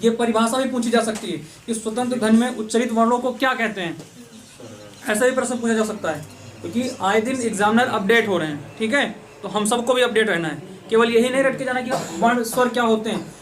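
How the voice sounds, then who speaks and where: A man's voice: very high-pitched, brisk, fairly bright tone. A man teaching an online exam-prep class. He asks questions and answers them himself, repeating the key points. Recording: voice somewhat distant from the mic.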